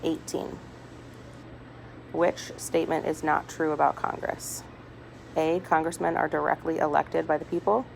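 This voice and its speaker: A woman reading multiple-choice test questions aloud item by item in a hospital room, deliberately and with small stumbles. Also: sits low, flat delivery, gravelly. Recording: noisy hospital room with background chatter. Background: people talking, ambient noise.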